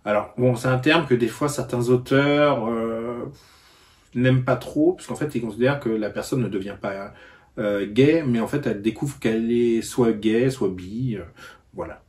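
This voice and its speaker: A man talking casually in a book vlog, explaining terms in a halting way and often pausing to search for words. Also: medium pitch, a little mellow. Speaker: book vlogger.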